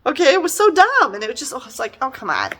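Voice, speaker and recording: This is a middle-aged woman reviewing a book in a relaxed, conversational way. Her voice is high-pitched and quick, and her delivery comes across as lively, exasperated and forceful.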